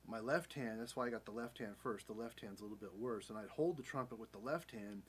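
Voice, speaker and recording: A man's voice: on the low side, fast talker, a little hiss or hum. Rambling, candid American man in his forties. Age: 40s. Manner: rambling, candid, self-correcting. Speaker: vlogger. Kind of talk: casual personal storytelling.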